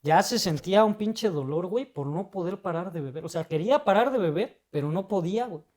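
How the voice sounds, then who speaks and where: A young Mexican man with a notably high voice tells his own story in casual, slang-filled speech. He talks with feeling, tacking a filler word onto almost every phrase. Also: expressive, a little fast, darkish tone. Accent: Mexican Spanish. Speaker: guest.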